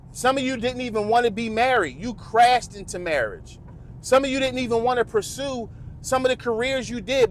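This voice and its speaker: A middle-aged man gives a podcast talk to other men. His voice sits high for a man, and he speaks in a casual, preachy way, dropping "man" and "bro" as he goes. A faint hiss of noise runs under him. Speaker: podcast host. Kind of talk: motivational monologue to men.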